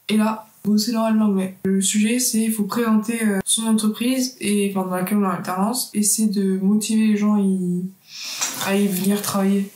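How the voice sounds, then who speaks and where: Student vlogger, woman in her 20s, casual rambling chat with lots of self-corrections, mid-pitched, echoey room. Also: darkish tone, a little hiss or hum. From France.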